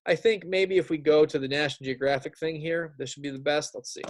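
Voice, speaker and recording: Speaking quickly in a rather high voice, a male elementary teacher leads a chatty read-aloud lesson, full of casual asides and frequent check-ins with his young students. A faint hiss or hum can be heard in the recording.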